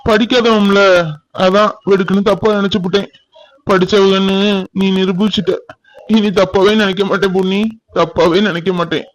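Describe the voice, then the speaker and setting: A man voicing a gruff young village man. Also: high voice, little pitch movement, moderate pace, natural voice, poor audio. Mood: consoling. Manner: gruff, scornful. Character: young uneducated village man, jealous then remorseful. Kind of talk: cartoon drama.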